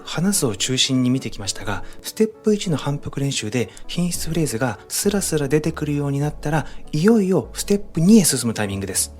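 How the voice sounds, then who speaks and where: A man's voice: medium pitch, a little mellow. A man giving a friendly, upbeat spoken summary of a book, talking straight to the viewer with tips and suggestions, over faint background music. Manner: upbeat, addresses viewers directly with recommendations. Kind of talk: friendly explanatory narration.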